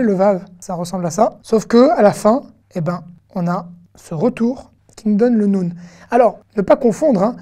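A woman's voice: mid-range voice, dark tone. A woman teaching an online Hebrew lesson, explaining patiently and drawing out syllables to model pronunciation. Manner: frequent fillers and restarts, friendly conversational asides.

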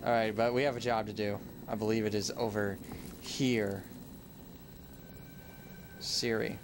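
A man's voice: fairly low pitch, flat delivery, moderate pace. A young man giving casual commentary on a game he is playing, rambling and often correcting himself mid-sentence. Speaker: let's play gamer. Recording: home recording with noise.

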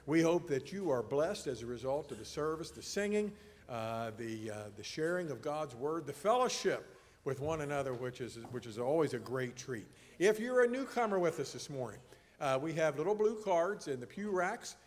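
A man leading a church service, welcoming the congregation and praying in an earnest, measured, formal way. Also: a little high, sing-song. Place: church sanctuary. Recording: long church reverb.

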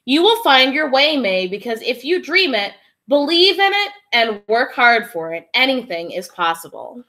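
A woman's voice: fairly high pitch, very animated, normal speed, bright, forceful tone. A woman voicing a supportive, reassuring father in a storybook, with emphatic delivery.

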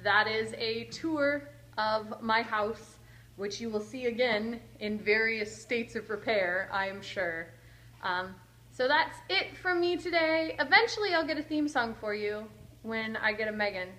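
A woman's voice: on the high side, a little slow, sharp tone. A woman in her thirties, chatty and playful, giving a casual vlog tour of her empty new house, filmed on a handheld phone camera. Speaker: vlogger. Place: large empty house, indoors. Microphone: phone camera at arm's length. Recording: echoey empty room.

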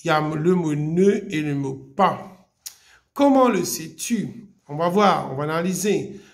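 Slow, gravelly woman teaching grammar. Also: deep voice, lively intonation. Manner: patient, explains step by step and repeats key points. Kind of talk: French grammar lesson.

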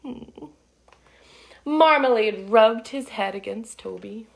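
Sitting indoors in a living room, a storytime reader in her thirties shares a picture book with young children, using an animated, slow, sing-song manner and friendly asides. Her voice is a little high with vocal fry, recorded on a phone or webcam held at arm's length.

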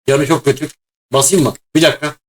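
A man plays through a mobile shooter match and talks the whole way, loud and easily excited, often breaking into shouts. His voice sits slightly higher than most men's. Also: fast. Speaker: gaming video host. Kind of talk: excited mobile-game play chat.

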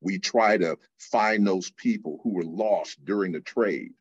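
An older man from California, a teacher answering interview questions in a measured, explanatory way with frequent fillers. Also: low voice, husky, dry recording, muffled recording. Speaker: guest teacher.

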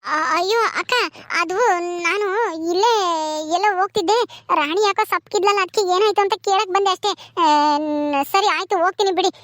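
A woman's voice: extremely high pitch, fairly quick, a bit bright, no echo. A woman voicing a timid young village wife in a family skit, hesitant and apologetic as she pleads.

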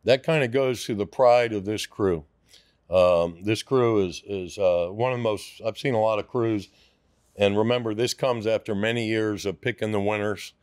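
Speaking into a studio microphone on a boom arm in a podcast studio, a sixty-something restaurant owner gives a casual, rambling interview full of fillers, hesitations and restarts. His voice is lowish and a touch mellow, at a moderate pace, and the recording is dry.

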